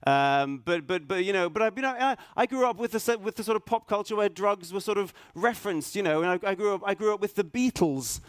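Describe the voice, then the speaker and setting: A middle-aged man, raised in Norway, speaking at a conference, halting and self-deprecating, full of restarts and fillers. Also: high-pitched, clear, resonant tone, no echo. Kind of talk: hesitant conference talk. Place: conference hall stage.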